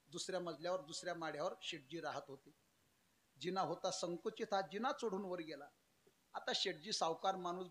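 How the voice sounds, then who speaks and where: A man preaching through a folk story, emphatic, moving between loud declaiming and low narration and acting out the characters' lines. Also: slight background noise. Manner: acts out characters' dialogue in changed voices. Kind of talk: storytelling sermon.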